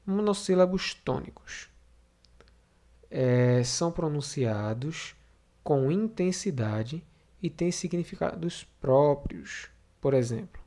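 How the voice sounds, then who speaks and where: Man, teacher, video lesson, mellow dark tone, patient step-by-step explaining, recaps. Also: medium pitch. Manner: explanatory, repeats and recaps terms, frequent fillers. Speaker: Portuguese teacher. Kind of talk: video lesson for sixth graders.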